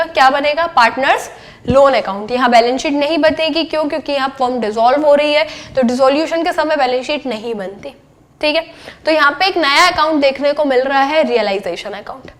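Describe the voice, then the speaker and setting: A young woman with a high, bright voice gives a lecture on accountancy. She keeps asking the class questions and then answers them herself, and she slips English terms into her sentences. Her delivery is patient and explanatory. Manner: mixes English terms into Hindi speech. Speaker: accountancy teacher.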